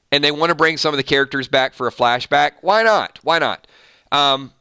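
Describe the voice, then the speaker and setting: Bright-voiced Southern man streaming. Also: a little high, clean tone, dry recording, studio quality. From Georgia, US South. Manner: chatty, laughs easily, animated. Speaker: livestream host. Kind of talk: casual livestream chat reading comments.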